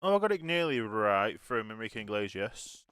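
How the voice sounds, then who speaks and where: A man's voice: on the low side, big pitch swings, moderate pace, fairly bright tone, clear, resonant tone, dry recording. A man chatting casually in character during a roleplay game, mostly giving short replies. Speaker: roleplay player as customer.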